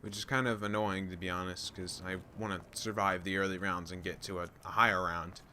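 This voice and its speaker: A man's voice: deep voice, flat delivery, a little fast, sharp tone. A man giving casual, rambling let's-play commentary with restarts and self-deprecating asides. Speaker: gameplay commentator. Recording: commentary over noisy game audio.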